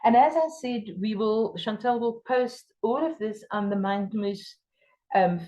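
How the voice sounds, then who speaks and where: A woman from South Africa, whose English is a second language spoken with an Afrikaans accent, delivers a workshop lecture for teachers. Her warm voice moves a little slowly but stays emphatic, jumping suddenly in pitch to underline key words.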